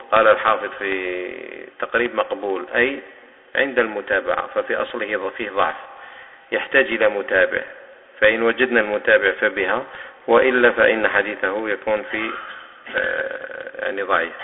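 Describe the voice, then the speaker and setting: A man with an Algerian Arabic accent teaches a hadith commentary lesson in a mosque hall, explaining words patiently and guiding his students. His voice sits in a middle register. The recording is tinny and narrow, with a long reverb trailing off the mosque walls. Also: medium pitch. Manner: patient, explaining terms and coaching students to demonstrate.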